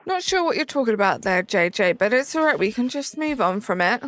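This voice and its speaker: Her voice a little high and a bit bright, with big pitch swings and a slightly fast pace, a young woman from Southern England casually answers questions from her live-stream chat, chatty and using "um" and "like." Faint music plays in the background.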